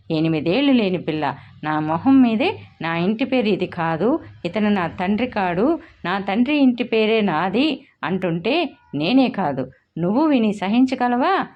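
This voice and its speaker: A woman voicing a hot-tempered mother in her thirties in a storybook reading, sharp and shouting. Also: mid-range voice, muffled recording. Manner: shouting in rage.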